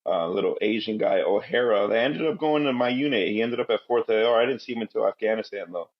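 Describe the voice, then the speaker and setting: Quick-paced and on the low side, this man's voice comes through lo-fi sound as he rambles through anecdotes as a podcast guest. In his thirties, he's a Marine veteran from Guatemala who grew up in Southern California, and the talk is casual interview storytelling.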